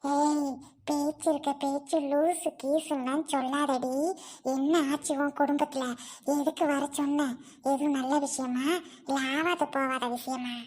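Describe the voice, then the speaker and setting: A woman's voice: high-pitched, level tone, unhurried, darkish tone, slight background noise. A woman playing a bossy, scheming aunt-in-law who scolds and orders her niece in a family web drama. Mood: scolding. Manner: scolding, commanding.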